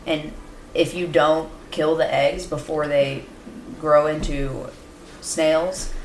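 A woman's voice: deep voice, fairly even intonation, takes it slowly, slight background noise. A woman co-hosting a podcast in casual chat, explaining things earnestly. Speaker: podcast co-host. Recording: echoey room.

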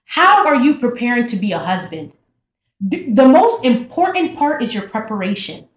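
A woman talking casually about faith, animated and repetitive, firing off rhetorical questions. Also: on the high side, moderate pace. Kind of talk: casual faith talk to camera. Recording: echoey room.

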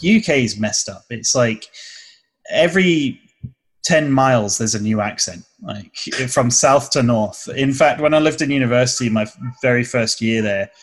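A young comedy video creator from southern England, with a medium-pitched, slightly rough voice, chats casually in an interview at normal speed. He explains things at length and often restarts his sentences.

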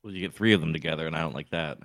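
A man's voice: rumbling low, very fast, fairly bright tone, no echo, studio quality. A man co-hosting a casual podcast, earnestly arguing a silly point with his friends. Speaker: podcast co-host. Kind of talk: casual chat.

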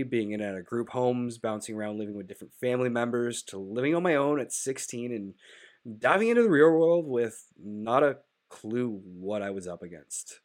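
A man in his thirties hosts a solo podcast, sounding nasal and stuffed up from a cold that has hung on. He talks in a loose, reflective way, dropping "like" and "uh" as he goes. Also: mid-range voice. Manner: casual, reflective, frequent fillers like "like" and "uh". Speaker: podcast host. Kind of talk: solo podcast monologue with sponsor reads.

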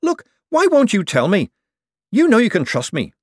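A man voicing a fiery young woman who talks sharply and insistently, pitched higher than his own voice. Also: wildly swooping pitch, brisk, no echo, clean studio sound. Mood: demanding.

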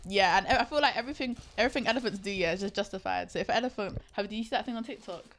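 A woman's voice: medium pitch, rapid-fire, a bit bright. A nineteen-year-old woman co-hosting a casual late-night podcast, loose and chatty, laughing often and swearing casually. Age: late teens. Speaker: podcast co-host.

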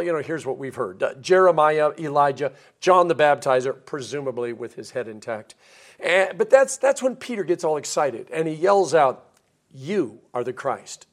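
Animated male pastor preaching a sermon. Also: on the high side. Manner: animated storytelling with playful asides and quoted voices.

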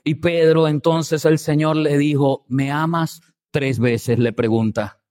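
A man preaching a sermon as pastor, emphatic and full of rhetorical questions, swinging between loud stresses and quiet, low asides. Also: fairly even intonation, slow.

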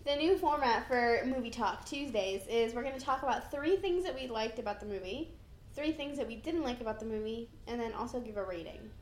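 A woman's voice: a little high, expressive, fairly quick. A young woman co-hosting a podcast, chatting casually and informally about film with a giggly manner, recorded in a house. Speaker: podcast co-host. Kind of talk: casual film review chat. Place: echoey room in a house. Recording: echoey room with background noise.

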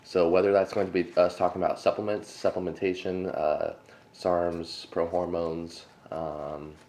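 A man's voice: sits low, level tone, measured pace, darkish tone, slight background noise. A man co-hosting a casual fitness podcast, rambling with fillers, laughing and eating between thoughts. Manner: rambling, many fillers and restarts; talks while eating, laughs often. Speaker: podcast co-host.

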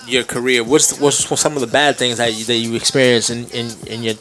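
A man's voice: mid-range voice, fairly even intonation, a little fast, bright, forceful tone, rough recording. A man hosting a casual interview, speaking in street slang with some Spanish mixed into his English. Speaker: podcast host interviewer. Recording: music behind the voice.

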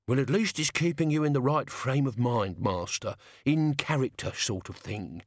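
A man's voice: medium pitch, moderate pace, no echo, studio quality, natural voice. A man voicing a crabby, coarse old male servant with blunt, slangy talk. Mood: grumbling.

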